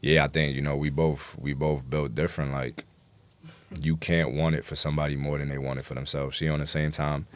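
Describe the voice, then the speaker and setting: A guest rapper from New York City chats casually in an interview, telling stories emphatically with lots of slang and a New York accent. His rumbling low voice is flat and fairly quick, captured in a dry recording.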